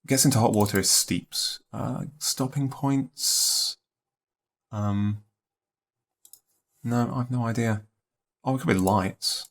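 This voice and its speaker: A young man thinking aloud in a let's play, musing and unhurried, trailing off into half-spoken guesses. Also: mid-range voice, fairly even intonation. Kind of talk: thinking-aloud puzzle commentary.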